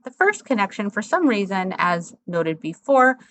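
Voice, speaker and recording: A woman instructor talking through a software tutorial step by step, in a conversational, explanatory way. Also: medium pitch, big pitch swings, moderate pace.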